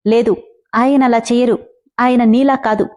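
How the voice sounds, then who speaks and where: A woman's voice: fairly high pitch, fairly even intonation, moderate pace, a little mellow, lightly acted. A woman voicing a distressed but defiant young married woman in a storybook reading. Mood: angry. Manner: angry, tearful pleading.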